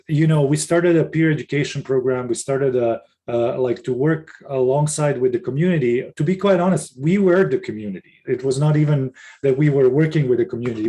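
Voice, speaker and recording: A man's voice: medium pitch, mellow. A middle-aged man from Serbia, speaking as a professor and panelist on a video-call webinar, earnest and often restarting his sentences. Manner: earnest, with frequent restarts and fillers. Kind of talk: casual webinar talk.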